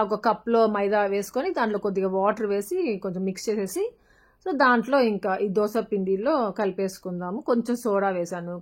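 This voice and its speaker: A woman vlogger with a Rayalaseema Telugu accent, narrating her family's day in a chatty, casual way with English words mixed in. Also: medium pitch. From Rayalaseema, Andhra Pradesh.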